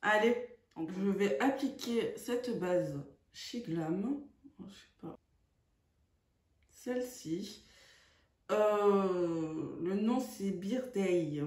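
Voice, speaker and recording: A woman's voice: medium pitch, extremely slow, darkish tone. A woman chatting through a makeup tutorial, hesitant and full of fillers. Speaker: beauty vlogger. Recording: echoey room.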